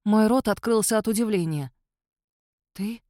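A woman's voice: mid-range voice, moderate pace, no echo, studio quality. Woman narrating a fantasy audiobook. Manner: steady storytelling.

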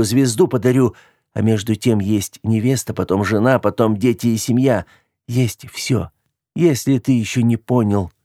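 A man's voice: mid-range voice, mellow, no room sound, close to an everyday voice. A man reading the part of a proud, hurt young woman with a cutting, scornful way of speaking, in a dry, close recording.

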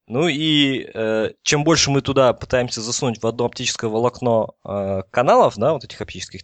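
Here a telecom specialist talks through technical subjects on a casual podcast, tentative and reasoning out loud as he goes. He's a man with a mid-range voice, recorded without any echo.

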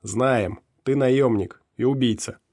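Man barking as a gruff stalker leader. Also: mid-range voice, quick pace, darkish tone, no echo, studio quality, lightly acted. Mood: commanding. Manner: hoarse barked orders.

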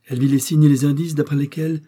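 Male audiobook narrator, husky and mellow, measured dramatic delivery. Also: fairly high pitch, level tone. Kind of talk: scripted narration.

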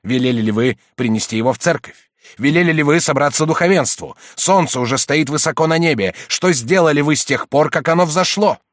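Storybook figure: man reading as a stern old cardinal, rebuking and forceful, dry close sound. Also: on the high side, brisk, no echo, natural voice.

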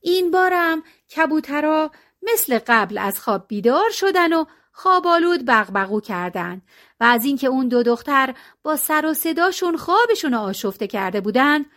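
A woman narrating a folk tale for an audiobook. Her voice is high and very animated, gliding up and down as she reads with melodic expression. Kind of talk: storybook narration.

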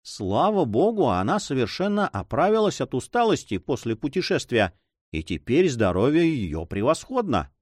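A man voicing an old female duenna who sighs, grumbles and fusses in a high voice. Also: big pitch swings, moderate pace, no room sound, clean studio sound. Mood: grumbling. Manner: sighing, fussy, grumbling.

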